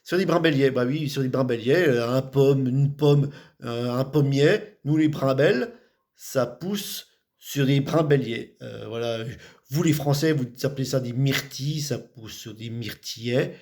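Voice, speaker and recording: A man from the Vosges, France, with a Vosges French accent chats casually about local words. His mid-range voice is unhurried and a little mellow, and he talks in loose, repetitive bursts full of fillers.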